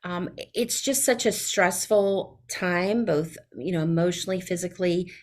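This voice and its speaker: A woman's voice: fairly low pitch, normal speed, darkish tone. A middle-aged woman with a Southern US accent, speaking as a guest in a podcast interview, with many fillers and restarts. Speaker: guest, CPA.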